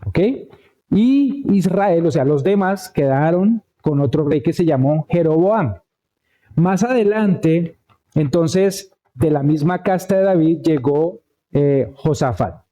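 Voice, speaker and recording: A male preacher delivers a relaxed, storytelling sermon in a church. His voice sits a little high yet sounds deeply dark and mellow. He keeps turning to the congregation to check that they follow. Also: slow. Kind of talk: conversational sermon.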